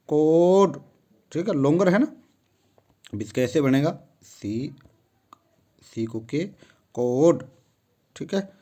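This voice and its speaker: A male teacher talks his students through a lesson in an unhurried, deliberate way. His voice sits a little high for a man. He says each example word again and again before moving on. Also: mellow. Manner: repeats each word several times, slow and deliberate; addresses students directly. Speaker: English phonetics teacher. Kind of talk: classroom-style lesson.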